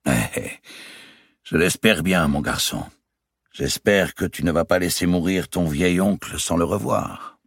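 A man voicing a calm, worldly-wise old banker uncle, speaking in a measured, unhurried way in an audiobook reading. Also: deep voice, creaky, husky, no room sound, clean studio sound, voice pushed up, exaggerated voice. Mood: fond.

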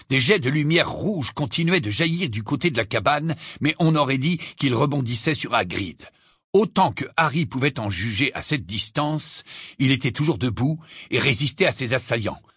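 A man reading an audiobook aloud in an expressive, dramatic way. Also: mid-range voice, moderate pace, husky, dry recording, studio quality. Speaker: audiobook reader. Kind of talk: audiobook narration.

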